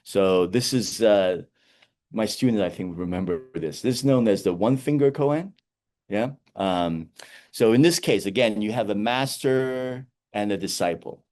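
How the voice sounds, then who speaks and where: A man giving a lecture, telling Zen koans with animated storytelling and frequent chuckles. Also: lowish voice, a little slow.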